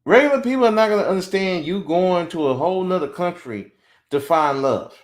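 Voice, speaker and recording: Brisk and high-voiced, a podcast host in his forties lays out blunt opinions in an animated way. Quoting others, he now and then slips into mockery.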